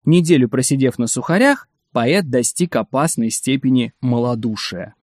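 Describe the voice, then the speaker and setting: A man narrating a short story in a wry, expressive reading. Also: mid-range voice, moderate pace, no room sound, clean studio sound.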